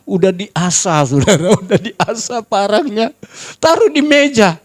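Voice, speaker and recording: A middle-aged man preaching a storytelling sermon as pastor at a church prayer service, earnestly addressing the congregation as brothers and sisters and dropping to a hushed tone at tense moments. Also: sits high, lively intonation, a little slow.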